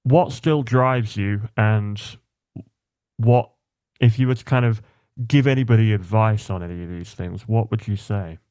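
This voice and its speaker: A man hosting a podcast, heard close and dry with no room around him. His voice sits low, and he winds through long, loose questions full of fillers. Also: measured pace, a little mellow, clear, resonant tone, no echo. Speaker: podcast host. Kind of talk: casual interview.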